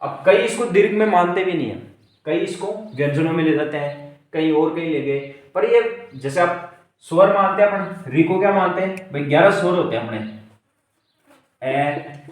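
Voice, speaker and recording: A male teacher giving an exam-prep grammar lesson. He asks questions and answers them himself, and spells out word parts slowly. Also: on the high side, expressive. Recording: very echoey room, distant mic.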